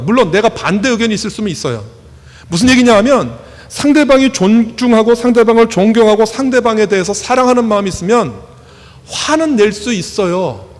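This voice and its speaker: Lively high-voiced male pastor preaching. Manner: questions the congregation, acts out quoted voices. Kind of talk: sermon. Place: church hall. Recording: long hall reverb.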